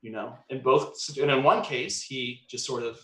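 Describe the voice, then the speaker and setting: A man's voice: medium pitch, moderate pace, sharp tone, roomy sound. A man chatting casually about movies and science, rambling with lots of fillers and hedges. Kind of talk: casual chat.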